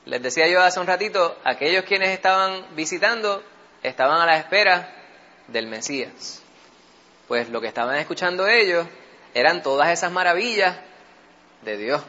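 A Puerto Rican man with a bright, fairly high voice leads a Bible study, talking it through like a chat and often asking listeners to agree. The recording sounds dull and lo-fi. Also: lively intonation, normal speed. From Puerto Rico. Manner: keeps asking listeners for assent. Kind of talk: conversational Bible teaching.

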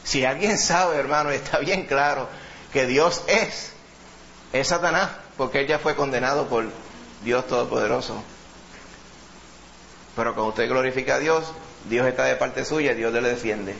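A man's voice: mid-range voice, normal speed, creaky, long pauses, fairly bright tone, dull audio, slight background noise. A man preaching a sermon in a church, emphatic, repeating words and calling listeners brother. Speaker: pastor.

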